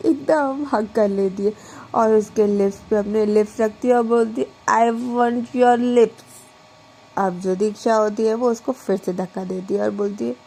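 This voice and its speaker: A woman telling a romantic story in an unhurried, conversational way, stressing points by repeating them. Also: medium pitch, gravelly, mellow.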